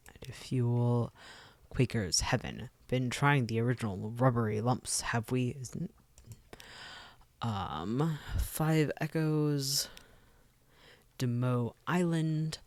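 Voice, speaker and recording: Brief: let's-play host narrating game text with casual asides, mid-pitched voice, dry close sound. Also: takes it slowly, pauses often, dry recording. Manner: reads the game text aloud with frequent ums and side comments. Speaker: streamer playing a video game.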